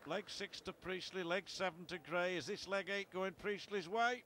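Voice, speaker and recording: A man's voice: high-pitched, moderate pace, pushed and bright. A man giving darts commentary on television with conversational asides. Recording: clearly noisy broadcast with arena ambience.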